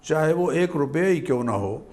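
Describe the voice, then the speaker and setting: A man, a religious scholar on a TV program, explaining scripture in a measured, learned manner and weaving in Arabic quotations. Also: on the high side, expressive, a little mellow.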